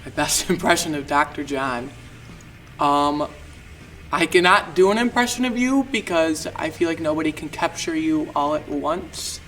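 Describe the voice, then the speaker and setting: A sincere man with a slightly raised voice speaks warmly. He is far from the mic, with faint music behind him. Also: on the high side, lively intonation, normal speed. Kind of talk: casual tribute remarks.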